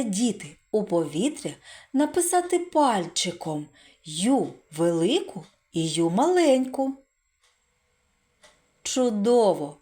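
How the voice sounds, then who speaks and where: A woman leads a preschool literacy lesson, sounding out letters and syllables for the children to repeat. She talks slowly, with a very lively, bouncing melody, and keeps praising the kids in an encouraging tone. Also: a little high. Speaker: preschool teacher.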